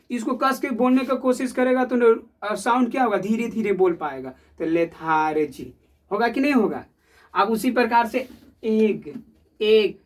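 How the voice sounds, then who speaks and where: A man teaching English sounds to a class, repeating words and asking the pupils questions again and again. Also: high voice. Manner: repetitive, quizzing the class with questions. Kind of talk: classroom lesson. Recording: voice heard from a distance.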